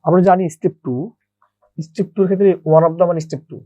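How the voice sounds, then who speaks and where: A man's voice: sits high, fast, mellow, dry recording, highs cut off. Man teaching grammar, dry close mic. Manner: repeats questions and answers them himself, calls listeners brother. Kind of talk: online grammar lesson.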